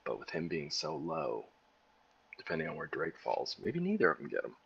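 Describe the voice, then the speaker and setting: A man's voice: rumbling low, huge pitch swings, normal speed, creaky, husky, dull audio. A tired-sounding man co-hosting a casual livestream, joking and sarcastic. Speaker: co-host.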